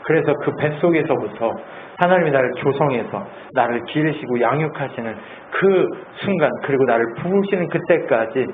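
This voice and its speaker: A male pastor preaching a sermon in an animated, conversational way, asking the congregation lots of questions. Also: medium pitch, normal speed. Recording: tinny phone-like sound, faint hiss.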